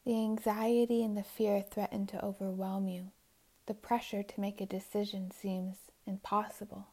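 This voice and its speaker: In a medium-pitched, level voice, a woman leads a guided meditation, soothing and unhurried. Each phrase ends softly on a breath, followed by a long pause.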